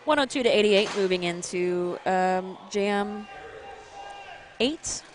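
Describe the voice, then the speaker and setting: Chatty woman calling a roller derby bout. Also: medium pitch. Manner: chatty, laughs often, quick bursts of excitement. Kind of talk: live play-by-play commentary.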